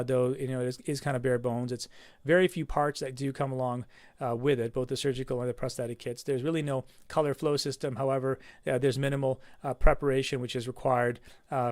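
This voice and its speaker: A man's voice: medium pitch, darkish tone, no echo. A man, a dentist, talking casually through a slide review of an implant kit, with lots of fillers and restarts.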